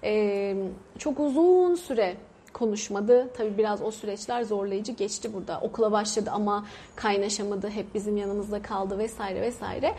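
A woman's voice: mid-range voice, moderate pace, warm tone, slight background noise. A woman from Turkey in her thirties, a mother talking casually to viewers in a chatty way, with many hesitations and doubled verbs. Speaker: mother sharing her experience.

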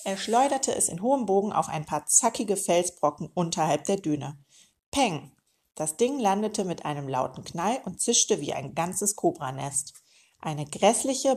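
A woman reading a children's storybook aloud in a lively way, speaking directly to young listeners. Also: fairly low pitch.

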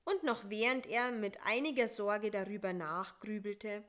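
Slow-reading woman narrator. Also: mid-range voice, a bit bright. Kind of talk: storybook reading.

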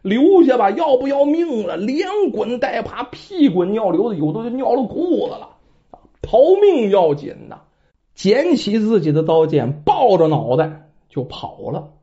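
On a dull lo-fi recording, a storyteller with a mid-range voice and measured pace narrates a bandit tale in a dramatic traditional style. The delivery is lively, broken up by chatty asides to the listener.

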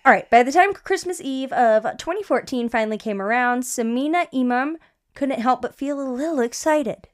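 Brief: young woman, podcast co-host, reads aloud with a slightly high voice, stumbles, swears. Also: expressive, moderate pace. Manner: laughs often, swears, stumbles while reading. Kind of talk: casual podcast chat, reading an article aloud.

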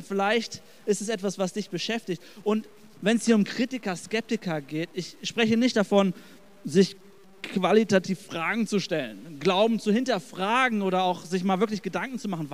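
A man preaching a casual sermon in a church that is also streamed online, retelling Bible stories with lively asides. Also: high-pitched. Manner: lively, acts out quotes with asides. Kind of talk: casual youth-style sermon.

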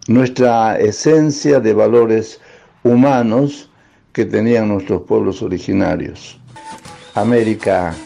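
A man from Bolivia giving a slow, solemn, deliberate recorded statement as a guest. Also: lowish voice, creaky, mellow.

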